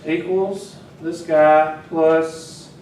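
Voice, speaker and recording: A man gives a classroom lecture, teasing his students and talking to them while he works, in a very slow, level voice that is fairly high-pitched and darkish in tone. He is far from the mic, in an echoey classroom captured from afar with faint noise.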